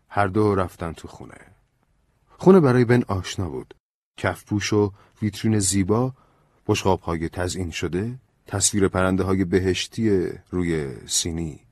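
A man narrating an audiobook in a calm, measured storytelling manner. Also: sits low, no room sound, clean studio sound.

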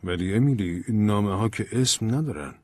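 A man's voice: lowish voice, darkish tone, dry recording, lightly acted. A man doing a persistent, insistent investigator. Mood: urgent. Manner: insistent, persuasive. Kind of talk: audiobook drama reading.

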